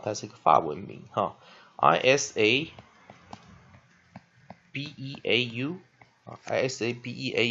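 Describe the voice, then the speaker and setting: A man with a Taiwanese Mandarin accent teaches English words in a lowish voice whose pitch swings widely. He spells out letters, repeats each word slowly, and leans on "ah" fillers. The recording is muffled and lo-fi. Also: a bit bright, breathy edge. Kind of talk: classroom-style vocabulary lesson. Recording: dull lo-fi recording.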